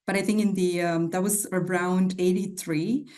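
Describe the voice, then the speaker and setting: Reflective woman, lowish voice. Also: fairly even intonation, normal speed, a little mellow. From Switzerland. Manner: reflective, with many fillers. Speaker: guest, non-profit CEO. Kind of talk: casual interview talk.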